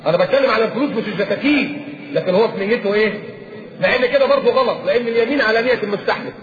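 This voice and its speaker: A man with an Egyptian Arabic accent giving a religious lecture, lively and acting out little dialogues with humor. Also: high voice, racing. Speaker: preacher. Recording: roomy, dull lo-fi lecture tape.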